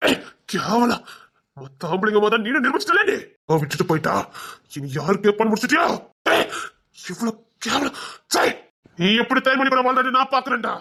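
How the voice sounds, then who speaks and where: An actor playing a bitter, vengeful man who swears revenge in a TV serial, threatening, at times shouting and at times sobbing. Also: expressive, a little fast, gravelly, exaggerated voice. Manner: bitter, menacing, swings loud to low. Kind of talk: TV serial drama.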